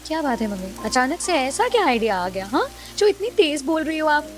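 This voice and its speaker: A woman voicing an excitable young sister-in-law in the family, talking eagerly. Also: high-pitched, fairly quick, soft background music, voice pushed up.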